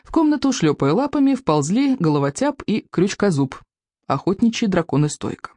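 An audiobook narrator reading with a lot of swing in the voice, climbing high at the exciting moments. The sound is dry and close, with no room heard around it. The delivery is that of expressive storybook telling. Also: moderate pace, no room sound. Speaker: audiobook reader. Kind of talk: scripted narration.

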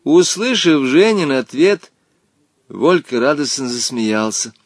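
A man reading a children's story aloud with an expressive, dramatic delivery. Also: mid-range voice, slow pace, no room sound, studio quality. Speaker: audiobook reader. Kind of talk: scripted narration.

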